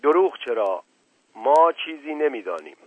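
Brief: man playing a curt, dutiful servant, dry husky delivery, lo-fi phone-like sound. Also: on the high side, very animated, dry recording, voice pushed up.

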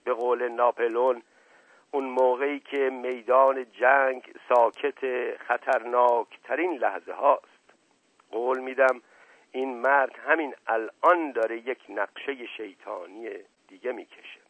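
A man's voice: medium pitch, steady tone, dry recording, close to an everyday voice. A man voicing a paranoid, pompous older male family patriarch in a story reading, indignant and dramatic. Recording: dry, slightly dull audio.

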